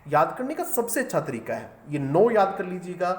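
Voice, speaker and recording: A man's voice: high voice, very animated, moderate pace. Male teacher, slightly raised voice, walks through each answer step by step and quizzes the class. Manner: explains step by step and keeps asking the class questions. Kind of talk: exam paper solution lesson.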